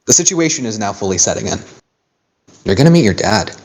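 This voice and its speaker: A man's voice: on the low side, very animated, fairly quick, gravelly. A man narrating as game master, laid-back and joking, on a phone mic.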